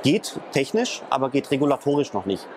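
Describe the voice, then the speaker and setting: A man's voice: mid-range voice, sing-song, brisk, very noisy. A man explaining things as an interview guest, talking hesitantly with many filler sounds and restarts. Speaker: interview guest, blockchain expert. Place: in Frankfurt, near traffic.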